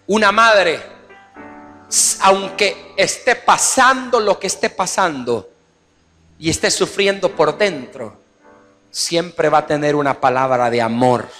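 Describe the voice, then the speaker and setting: A man from Guatemala preaching a Mother's Day sermon as pastor, impassioned, quoting mothers in a lively voice. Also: on the high side, in a large hall. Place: church service.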